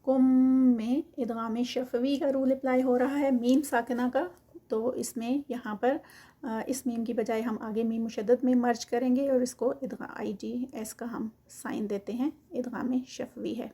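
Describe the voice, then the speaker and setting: A woman gives a recitation lesson with a slightly high voice. She chants each phrase slowly and stretched out, then drops into quick, matter-of-fact explanation of the rules. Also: fairly even intonation, mellow, slightly rough. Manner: alternates slow drawn-out recitation with quick explanations. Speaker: Quran recitation teacher. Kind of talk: tajweed lesson with slow recitation.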